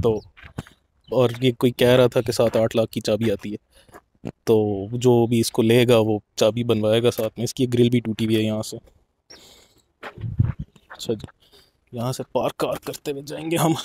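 A man's voice: medium pitch, mellow. Casual young man touring a car lot. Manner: chatty, explaining as he walks, mixing in English phrases. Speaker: vlogger. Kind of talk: casual walk-through commentary.

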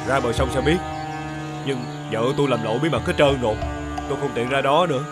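An actor playing a young husband's ghost, with a Southern Vietnamese accent and an urgent, exasperated manner. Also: male voice, medium pitch, a little fast, loud music behind the voice, natural voice. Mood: respectful. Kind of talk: TV fairy-tale drama acting.

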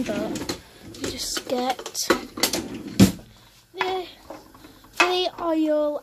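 A woman's voice: high-pitched, noisy background. A teenage girl with a Northern English accent chatting through a cook-along vlog in her home kitchen, rambling and correcting herself as she goes. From England. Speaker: vlogger. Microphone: phone camera held close.

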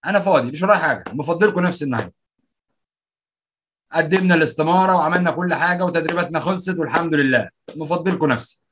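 A brisk, bright-voiced Egyptian man leads a live online training session. He speaks in a slightly high register, full of playful energy as he greets participants and reads out their answers. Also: slight background noise. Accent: Egyptian Arabic.

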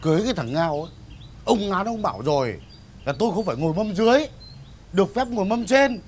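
A man's voice: high-pitched, very animated, quick pace, slight background noise. A man acting in a rural comedy sketch, a grumbling, easily panicked husband. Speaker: neighbour, husband.

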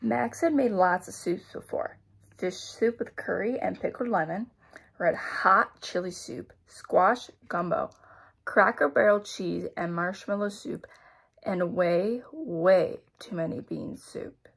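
Female storybook reader, expressive, gravelly texture. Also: medium pitch, takes it slowly. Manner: expressive, with sound-effect words. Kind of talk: children's read-aloud narration.

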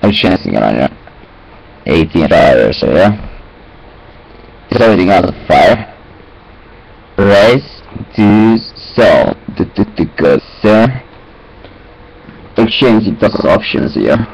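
In a small, cluttered room, a young man mumbles casually to himself at a webcam, rambling in disjointed phrases with sing-song filler sounds. His deep voice swings widely in pitch and is creaky, a little mellow and breathy at the edges. He takes it slowly, pausing often, and the audio is poor.

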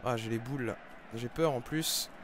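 A young man giving live commentary over his football video game, with excitable, frustrated outbursts about his bad luck. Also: mid-range voice, moderate pace. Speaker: gaming YouTuber. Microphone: desk microphone.

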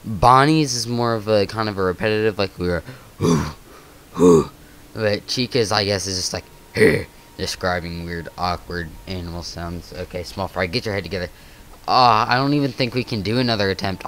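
A man's voice: fairly low pitch, fast talker, a bit bright, slight background noise. A man hosting a gaming channel, giving let's play commentary as he thinks aloud with nervous exclamations.

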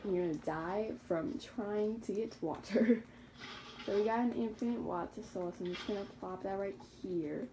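A young woman with a medium-pitched voice talks at a moderate pace over a noisy background. She's a gaming YouTuber giving casual, chatty, rambling commentary on her own Minecraft survival game, correcting her slips and laughing at herself.

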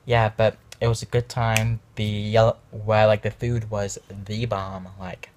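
A young man, somewhere from his teens to young adulthood, vlogs casually to a phone held at arm's length, rambling hesitantly with plenty of filler. His voice is lowish, level and a little mellow, with a measured pace. He's indoors in small rooms at home, and there's slight background noise.

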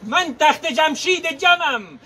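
A man giving a theatrical, declamatory recitation of epic verse in the naqqali storytelling style, proud and dramatic, with drawn-out words. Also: very high voice, animated, bright, forceful tone, some chatter behind.

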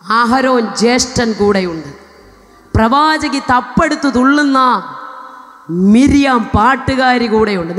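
Woman preacher, fervent sermon delivery, exclamations of praise, long reverb of a hall. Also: a little high. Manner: fervent, punctuates with praise exclamations, rises to shouting.

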